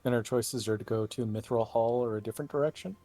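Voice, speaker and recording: A man's voice: medium pitch, fast talker, mellow, soft background music. A man playing a tabletop game, chatting casually and eagerly about plans. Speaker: player.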